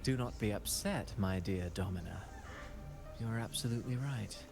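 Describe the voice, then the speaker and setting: An actor playing a suave, cold and calculating conspirator in a video game, speaking in a smooth, courtly, theatrical manner. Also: male voice, lowish voice, normal speed. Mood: smooth, sinister. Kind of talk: scripted video game dialogue. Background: game music.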